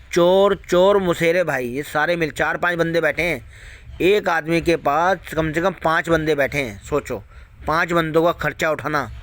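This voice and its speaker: Man, fairly high voice, angry rant, swearing, repetitive, rhetorical questions. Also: fairly bright tone. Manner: heated, repetitive, heavily profane; hammers home points with rhetorical questions. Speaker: video host warning viewers. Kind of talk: angry ranting monologue to viewers.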